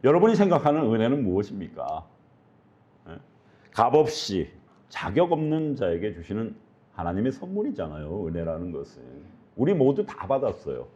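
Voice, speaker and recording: A man's voice: lowish voice, very animated, normal speed, warm tone, muffled recording. A male pastor preaching earnestly, often putting questions to his congregation. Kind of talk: sermon.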